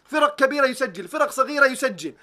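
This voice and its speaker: A man's voice: very high-pitched, lively intonation, quick pace, bright, forceful tone. A young man, ranting animatedly about football as a vlogger, swearing oaths and mocking tactics talk. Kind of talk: excited football reaction rant.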